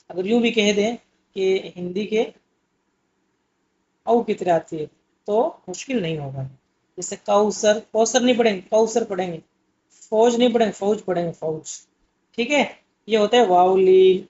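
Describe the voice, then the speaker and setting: A man teaching an Urdu exam-prep lesson, explaining patiently and asking questions that he answers himself. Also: high-pitched. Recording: muffled lo-fi audio.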